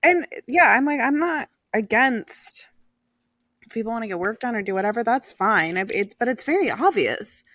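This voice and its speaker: A woman's voice: a little high, animated, moderate pace, a bit bright. A young woman co-hosting a casual podcast chat, talkative and emphatic, laughing easily. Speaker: podcast co-host.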